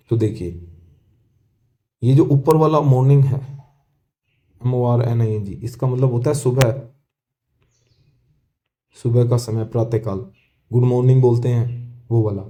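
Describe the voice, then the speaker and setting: A man's voice: medium pitch, dark tone. A male teacher explaining an English story line by line, asking questions and answering them himself and repeating key words. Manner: reads English text lines slowly and deliberately.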